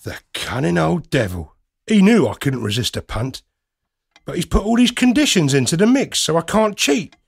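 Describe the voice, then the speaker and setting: Man playing a cockney wide boy, slangy scheming patter, husky n lively, audio drama. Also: fairly high pitch, normal speed, full character voice. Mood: wry. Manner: slangy, wheeling and dealing patter. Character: cheeky, scheming wide-boy chancer with gift of the gab. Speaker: narrator and lead character. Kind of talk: first-person audio drama narration and dialogue.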